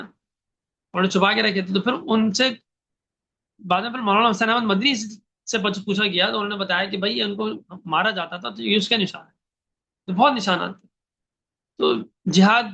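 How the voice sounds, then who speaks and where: A man's voice: sits high, sharp tone, muffled recording. A young man teaching a Quran commentary class, telling a story earnestly and putting questions to his students. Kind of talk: religious class lecture, storytelling.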